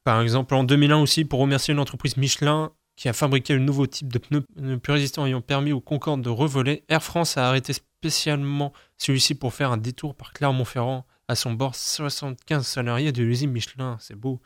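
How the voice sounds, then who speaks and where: A man's voice: mid-range voice, steady tone, a little fast, few pauses, no room sound, studio quality. A young man hosting a casual reading of the day's almanac, chatty and self-mocking, often stumbling over his words. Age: young adult. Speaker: host.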